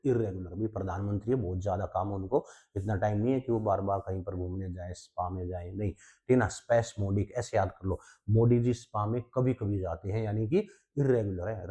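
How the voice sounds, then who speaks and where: A man's voice: lowish voice, dark tone. A man with an Indian English accent teaching an exam-prep vocabulary lesson, mixing Hindi and English and checking in with his students again and again. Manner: repeats "ठीक है ना" often, mixes Hindi and English, mnemonic tricks.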